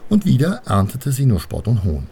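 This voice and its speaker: A man reading a children's storybook aloud in an expressive way. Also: mid-range voice, normal speed, husky. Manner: expressive, lively. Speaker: narrator.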